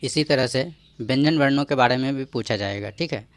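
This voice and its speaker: A man's voice: mid-range voice, fairly quick, no echo. A man giving an exam-prep grammar lesson, explaining step by step, checking in often and quizzing the viewer with rhetorical questions. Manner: explains step by step with frequent "ठीक है" check-ins. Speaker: teacher.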